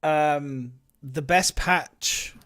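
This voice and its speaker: A man's voice: fairly high pitch, extremely slow, a bit bright. A man hosting a casual gaming podcast, talking in loose, rambling sentences full of restarts and fillers. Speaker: podcast host.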